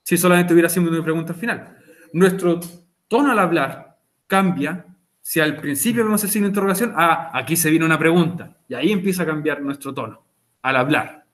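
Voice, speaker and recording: A man's voice: a little high, fairly quick, fairly bright tone. A man with a Chilean accent teaching an online English class. He explains patiently, repeats the key points and chats with his students over a video call.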